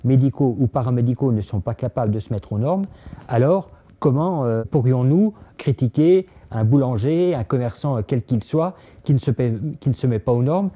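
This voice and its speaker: Halting man with a dark dull voice. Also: mid-range voice. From France. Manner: halting, many pauses and restarts. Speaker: interviewee. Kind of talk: personal testimony.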